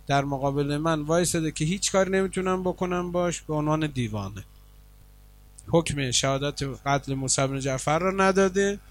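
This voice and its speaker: Storytelling preacher, slightly high voice. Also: male voice. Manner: animated storytelling that turns into calm, explanatory question answering. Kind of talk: sermon with storytelling and answers to religious questions.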